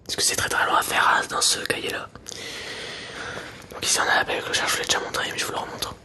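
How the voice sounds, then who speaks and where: A man chatting casually in a soft, breathy library whisper for ASMR, hesitant and unhurried. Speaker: ASMR video creator.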